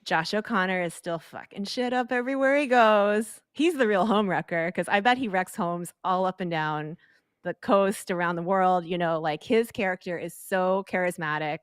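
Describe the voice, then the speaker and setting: A woman's voice: lowish voice, normal speed, clear, resonant tone, dry recording, studio quality. A woman guest in a casual movie discussion, candid and opinionated, cracking jokes as she talks.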